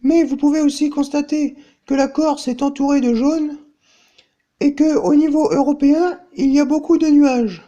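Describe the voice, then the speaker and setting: A woman's voice: sits high, steady tone, moderate pace, dark tone, dull audio, lightly acted. A woman playing an offhand, matter-of-fact TV weather presenter in a parody bulletin.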